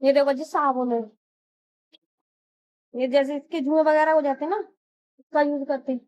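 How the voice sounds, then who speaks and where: A young woman with a sore, hoarse throat, chatting casually through her village vlog, coaxing and scolding family and kids. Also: high-pitched, steady tone, moderate pace, a little mellow. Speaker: village vlogger. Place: outdoors in a village, farmyard and lanes.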